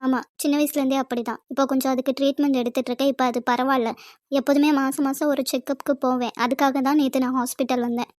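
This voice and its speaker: A cheerful young woman in a homemade cartoon, voiced by a woman, playful and teasing. She talks high and quick with an everyday voice. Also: little pitch movement, darkish tone, dry recording, lightly acted. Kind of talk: amateur cartoon voice acting.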